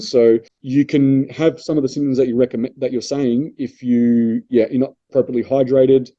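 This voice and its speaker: A man with a very dark, husky voice, answering listener questions in a measured, explanatory way. The recording sounds dull and lo-fi. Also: mid-range voice. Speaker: prep coach podcast co-host. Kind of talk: casual podcast chat.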